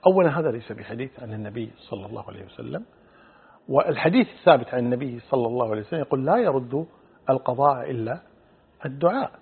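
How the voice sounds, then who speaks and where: Fast-talking husky man on lo-fi recording. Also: medium pitch, animated. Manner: measured, explanatory, quotes hadith. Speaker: Islamic scholar answering religious questions. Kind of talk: religious fatwa answers. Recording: phone-like narrow band.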